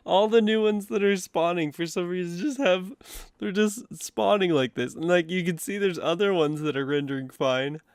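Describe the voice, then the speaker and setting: A man's voice: sits high, normal speed, gravelly, clean tone, dry recording, clean studio sound. A young man casually commenting on his gameplay, rambling with lots of fillers and breaking into giggles. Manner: giggly, laughs a lot and coughs from laughing. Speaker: gaming channel host.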